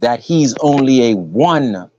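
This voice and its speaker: Male panelist, insistent repeater, animated delivery, lo-fi dry line. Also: mid-range voice, slow pace, no echo. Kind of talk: heated sports debate. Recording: muffled phone audio.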